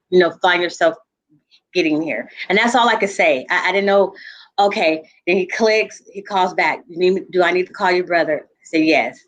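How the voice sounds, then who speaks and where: Woman, group chat guest, earnest personal story, halting restarts, frequent asides. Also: lowish voice. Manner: earnest, reliving a painful memory. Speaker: panel guest.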